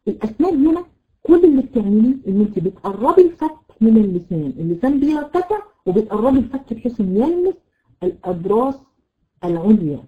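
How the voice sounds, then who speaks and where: A woman with an Egyptian Arabic accent teaching Quran recitation, repeating letters slowly to demonstrate and checking on her students by name. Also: on the high side, sing-song, narrow, tinny audio. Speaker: tajweed teacher. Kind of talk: live online Quran recitation lesson.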